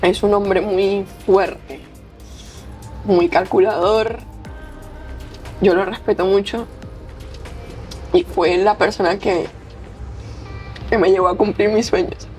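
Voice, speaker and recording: A woman's voice: mid-range voice, slow, pauses often. Young colombian woman, teary, chatty interview, bits of music way behind. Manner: expressive, acts out quoted voices. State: tearful. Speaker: athlete guest. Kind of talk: emotional interview storytelling.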